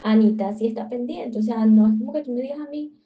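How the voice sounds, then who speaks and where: A woman tells a story in casual chat, gossiping animatedly. Her voice sits high and her words come quickly. The recording sounds dull and lo-fi. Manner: animated gossiping, quotes others in a put-on higher voice. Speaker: friend telling a story.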